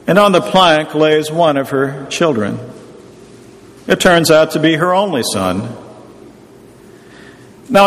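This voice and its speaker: A man preaching a sermon in a measured, explanatory teaching tone. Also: fairly high pitch, big-room sound.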